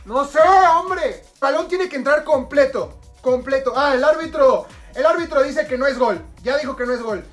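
A Mexican woman reacting live to a football match, excitable and slangy, shouting at the big plays. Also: sits high, normal speed, soft background music.

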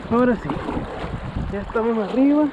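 A young man with a Mexican Spanish accent giving casual fishing vlog commentary from a kayak on a river, recorded on a head-mounted camera and getting excited at each catch. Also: very high-pitched, normal speed, phone-quality sound. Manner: excited, laughing and shouting at catches. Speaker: fishing vlogger. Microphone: head-mounted action camera. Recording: outdoor recording with clear background noise.

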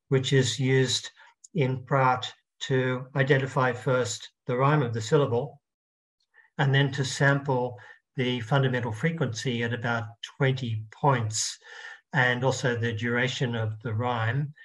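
Man giving an academic lecture. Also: rough recording. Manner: explanatory, with emphatic rises in pitch. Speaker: keynote lecturer, linguist.

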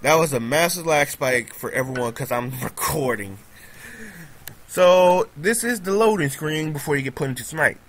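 A man casually commenting on his own game as he plays, excitable and prone to repeating himself. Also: a little high, moderate pace, poor audio. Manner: excitable, repeats pleading words, laughs often. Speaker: gamer recording gameplay commentary. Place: at home on a laptop.

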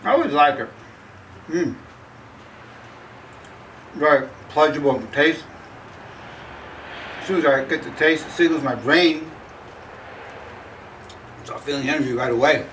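A man in his seventies talking to camera in a small home gym, rambling and halting with many pauses and fillers. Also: a little high, a bit bright, far from the mic, a little hiss or hum. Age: 70s. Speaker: fitness vlogger promoting his product. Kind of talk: casual talk to camera.

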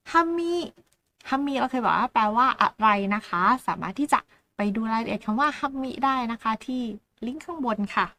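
A woman with a Southern Thai Phuket accent teaching a language lesson, patiently repeating words slowly for learners. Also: a little high, fairly bright tone. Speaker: language teacher and channel host.

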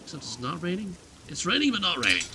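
A man's voice: on the high side, huge pitch swings, fast talker, background noise. A man with a playful, sarcastic manner, joking through gameplay commentary as a let's play host.

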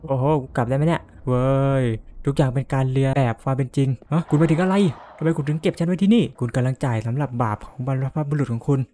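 A man's voice: medium pitch, quick pace, few pauses, mellow, slight background noise. Jumpy man swearing through a horror game. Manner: jumpy, swearing, nervous laughter. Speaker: gamer.

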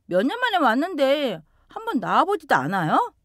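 A woman voices a sulky, defiant young woman in a full character performance pitched above her own voice. It sits high with wildly swooping pitch, a moderate pace, and a slightly bright tone, in clean studio sound with no room sound.

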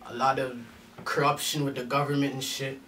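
A young rapper from Detroit, raised in Durham Region, Ontario, sits on a couch in a small studio room for a casual interview, using lots of street slang and repeatedly tagging on "you know what I'm saying." His voice is medium-pitched, flat and brisk, recorded from a distance with background noise.

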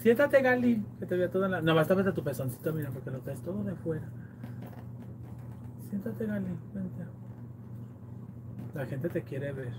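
A woman's voice: on the low side, lively intonation, moderate pace, long pauses, very noisy. A woman with a Mexican accent hosting a livestream, chatting, teasing and reading viewer comments in a playfully crude way. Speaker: livestream host.

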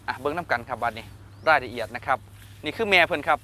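A man with a northeastern Thai Isan accent doing a hyped live-seller pitch to viewers, often prompting them for agreement, recorded outdoors over noise. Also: very fast, bright, forceful tone. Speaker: host of cattle-sale videos.

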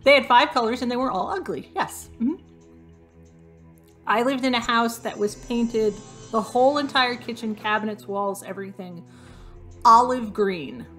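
A young adult woman casually commenting while she plays a hidden-object game, thinking aloud and joking at her own expense, her voice slightly hoarse and fading. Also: on the high side, normal speed, a bit bright. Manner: chatty, self-deprecating, thinks aloud while searching. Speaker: gaming video host. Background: faint game music.

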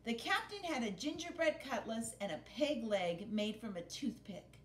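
Sitting by a brick fireplace in her living room, a middle-aged woman performs a picture book for children, pausing and gasping theatrically to heighten the drama. A camera a little way off captures her voice in a roomy home recording with rumbling background noise.

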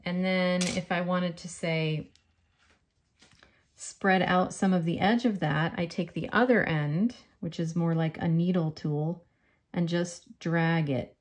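Woman demonstrating a clay tutorial, slightly low voice. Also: fairly even intonation, takes it slowly. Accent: faint New York. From New York. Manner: friendly step-by-step demonstration. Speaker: polymer clay artist. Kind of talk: crafting tutorial.

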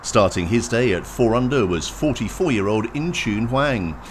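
A man reading a scripted highlights narration of a golf tournament over outdoor ambience. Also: animated, moderate pace, slight background noise.

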